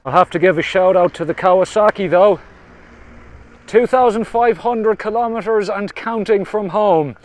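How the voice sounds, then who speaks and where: A man's voice: sits high, no echo. A man talks casually and wryly from inside a motorcycle helmet, vlogging as he travels. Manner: wry, self-deprecating. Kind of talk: casual travel vlog narration to camera. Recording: noisy outdoor vehicle and wind noise.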